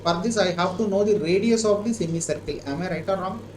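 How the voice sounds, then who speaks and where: High-pitched Indian male maths teacher, echoey room. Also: fast, a little mellow. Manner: repeats himself and asks checking questions. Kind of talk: live online lesson, working a problem aloud. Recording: echoey room with clear background noise.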